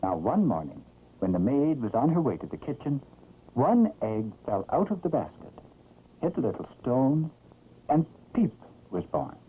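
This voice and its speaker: A narrator telling a children's story in an expressive, theatrical vintage 1960s cartoon style. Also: medium pitch, moderate pace. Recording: old tinny, noisy cartoon soundtrack.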